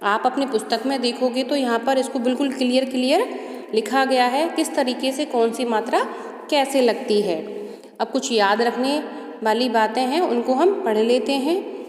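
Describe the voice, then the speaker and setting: A woman's voice: high voice, darkish tone, echoey room, long reverb tail. A woman teaching a grammar lesson to children, drawing out sounds and asking her pupils questions. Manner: slow, drawn-out syllables, asks pupils questions.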